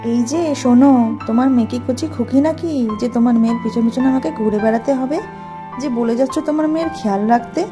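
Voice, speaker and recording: A woman voicing a cruel middle-aged stepmother in a cartoon story, with harsh, shrill scolding. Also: quick pace, close to an everyday voice. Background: music.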